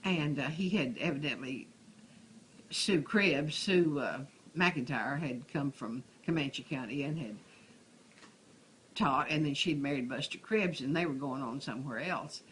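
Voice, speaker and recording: A woman's voice: low-pitched, measured pace, a bit bright. An elderly woman with a Texas accent, a retired schoolteacher reminiscing in a rambling, conversational way with restarted phrases. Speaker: retired schoolteacher being interviewed. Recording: noisy room ambience.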